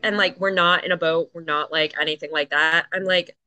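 Bright-voiced woman, casual guest. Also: on the low side, steady tone, fairly quick, smooth. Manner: chatty, many fillers, explains plainly. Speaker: guest, Paralympic coxswain. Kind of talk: casual podcast conversation.

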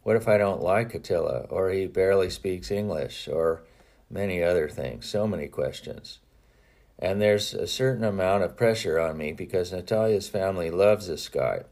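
A man's voice: low voice, normal speed, gravelly, darkish tone. A man reading his own book aloud, telling a personal story in an earnest, reflective way with a few small restarts. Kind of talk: audiobook narration.

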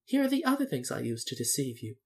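A man's voice: mid-range voice, huge pitch swings, fast. A man voicing a little old humbug wizard, meek, fussy and apologetic, with a trembling voice. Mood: confiding.

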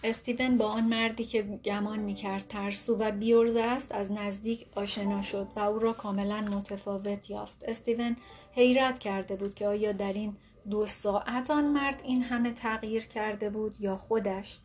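A woman narrating a self-help book in a calm, steady reading voice. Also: mid-range voice. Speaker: audiobook narrator.

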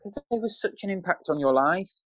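A man's voice: high-pitched, lively intonation, a little fast, no room sound, dull audio. A man chatting thoughtfully as a podcast guest over a video call, laughing easily.

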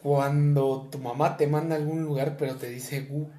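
A man's voice: a little high, fairly even intonation, normal speed, mellow. A young man with a Mexican accent, joking crudely in a casual chat. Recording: roomy echo.

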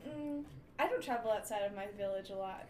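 A woman's voice: medium pitch, a little fast, darkish tone, close to an everyday voice. A woman voicing a polite, genteel, slightly bewildered adventurer with formal phrasing in a tabletop role-play. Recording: echoey room with background noise.

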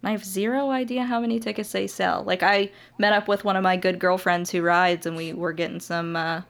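A woman's voice: mid-range voice, steady tone, fairly quick, creaky. A young adult woman from Ohio, a motovlogger guest chatting casually on a podcast, laughing often.

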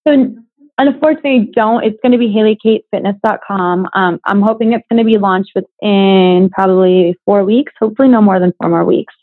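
A woman's voice: mid-range voice, fairly quick, no echo, narrow, tinny audio. A young woman chatting casually as an interview guest, a fitness coach with a bubbly, giggly manner.

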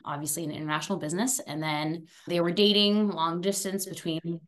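A young woman who grew up in France and then Arizona guests on a podcast as an alumna, chatting in a talkative, upbeat, goofy casual interview. Her voice is lowish, steady and brisk.

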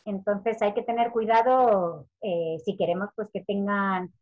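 A woman's voice: mid-range voice, steady tone, unhurried, narrow, tinny audio. A woman in her thirties from Spain, a parenting educator chatting in an interview and acting out quoted lines as she tells stories. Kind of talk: casual interview talk.

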